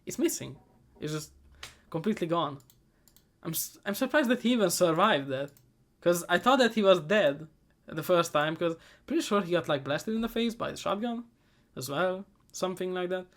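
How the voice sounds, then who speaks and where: A man giving a comedic movie recap, sarcastic and profane, rambling and often trailing off into quieter asides. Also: high-pitched, animated, moderate pace. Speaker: movie reviewer.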